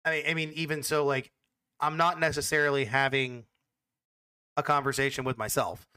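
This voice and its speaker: A man's voice: medium pitch, level tone, moderate pace, pushed and bright, clean tone, no room sound. A man who casts esports games, answering interview questions casually and hesitantly, often repeating words as he starts a thought. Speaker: amateur esports caster.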